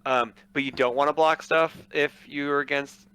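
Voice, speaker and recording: A man's voice: a little high, steady tone, normal speed, sharp tone, smooth, low-quality recording. A man talking as a guest on a casual podcast, rambling and jokey. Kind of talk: casual podcast chat about a card game.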